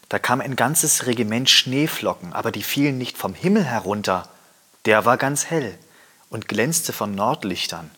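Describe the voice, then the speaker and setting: A man reading a fairy tale aloud with expressive storytelling. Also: medium pitch. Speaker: reader.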